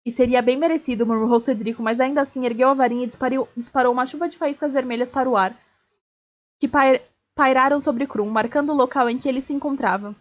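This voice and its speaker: Woman streamer reading a book out loud, high voice, little slips, muffled lo-fi audio. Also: fast. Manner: steady reading with small slips and restarts. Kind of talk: live read-aloud of a novel.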